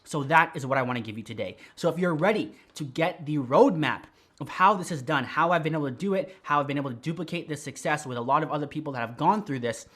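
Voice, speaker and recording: A man teaching how to start an online business, talking straight to camera in a direct, energetic way, with a slight whistle on his S sounds. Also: a little high, quick pace. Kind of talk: tutorial to camera.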